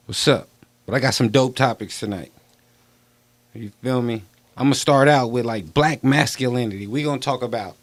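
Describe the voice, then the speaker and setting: A middle-aged man, hosting a casual livestream chat in a relaxed, slangy way and asking questions. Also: mid-range voice, no echo. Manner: laid-back, slangy, asks questions. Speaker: livestream host.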